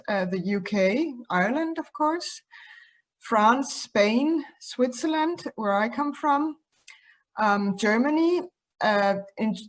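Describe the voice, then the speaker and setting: A woman from Denmark, a non-native English speaker, giving a conference presentation as an association president, pausing often with ums. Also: mid-range voice. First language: Danish. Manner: hesitant, many ums.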